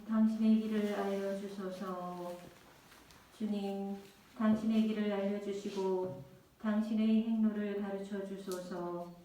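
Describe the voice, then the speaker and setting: A woman leading a Mass as lector in a steady, formal way, heard with heavy church echo. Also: mid-range voice. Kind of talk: liturgical reading. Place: large church. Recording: echoey church from far off, noisy.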